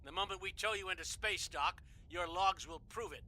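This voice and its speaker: A man's voice: high-pitched, normal speed, sharp tone, heavily acted. A man playing a hostile, self-important admiral with a scornful, barking manner in a science fiction audio drama. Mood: angry, gloating. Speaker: voice actor.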